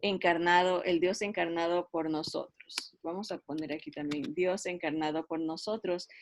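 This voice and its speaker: Middle-aged woman, Bible teacher, slow and patient, checks in with listeners through tag questions, dry close sound. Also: on the low side, no room sound. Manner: unhurried, explanatory, frequent tag questions and hesitations.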